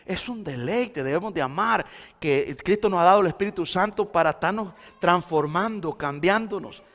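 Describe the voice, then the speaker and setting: A man preaching a Sunday sermon as pastor, swinging between loud emphasis and quiet intensity. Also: high-pitched, moderate pace. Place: church sanctuary. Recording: long church hall reverb.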